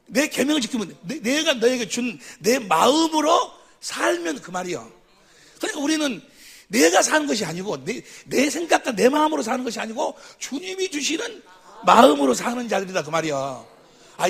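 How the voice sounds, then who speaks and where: A man preaching at a church seminar, who keeps quizzing the audience and calling for amens, sometimes bursting into shouts. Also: very high voice, gravelly, breathy edge. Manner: quizzes the audience with constant questions; calls for amens after each point. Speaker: pastor. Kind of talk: seminar sermon teaching.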